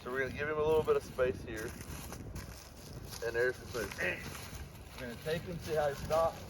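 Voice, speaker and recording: Guy training a dog outside, explaining as he goes, normal pitch, windy noisy outdoors. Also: moderate pace. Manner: explains steps while giving dog commands.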